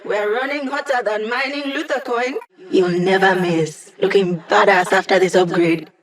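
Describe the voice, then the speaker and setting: Woman acting young hacker girl for a video game, snarky n casual, dry sardonic tech support vibe, medium pitch. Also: steady tone, normal speed, close to an everyday voice. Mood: urgent, focused.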